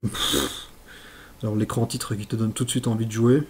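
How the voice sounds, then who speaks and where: Excitable man streaming retro games. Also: medium pitch, moderate pace, vocal fry, slightly rough. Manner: excitable, exclaims and talks to himself while playing; self-mocking asides. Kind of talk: live gameplay commentary.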